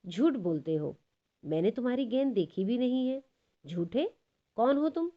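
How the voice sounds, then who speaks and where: A woman's voice: on the low side, lively intonation, a little slow, muffled recording. A woman doing a proud young village bride. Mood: mock angry. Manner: indignant, sharp outbursts.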